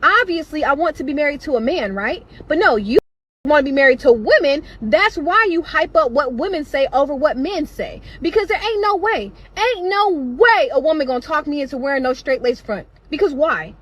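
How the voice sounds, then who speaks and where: A woman's voice: high voice, lively intonation, moderate pace, a bit bright. A woman on a casual social media rant, sassy, combative and slangy.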